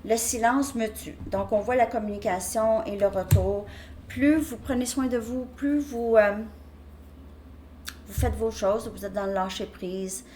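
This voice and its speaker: A woman's voice: a little high, fairly even intonation, unhurried, dark tone, a little hiss or hum. A woman giving a casual tarot reading, talking hesitantly with frequent restarts and "ok?" check-ins. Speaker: tarot reader.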